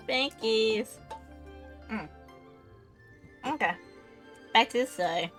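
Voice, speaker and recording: Streamer, woman, casual and relaxed, mouth full, slow unhurried talk with lively pitch. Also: faint music behind. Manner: relaxed, chatty, reacting to viewers. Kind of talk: casual chat while streaming a game.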